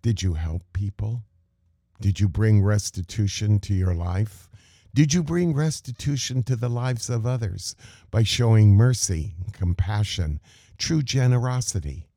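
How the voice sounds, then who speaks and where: A man teaching meditation in a contemplative spiritual talk, measured and full of rhetorical questions. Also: on the low side, creaky, dark tone, no echo, clean studio sound.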